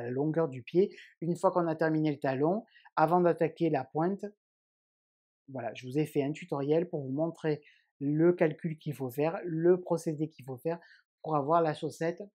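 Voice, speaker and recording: A man's voice: a little high, dark tone. A man hosting his own knitting podcast indoors at home, chatting casually and rambling with frequent hesitations. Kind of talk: casual chat.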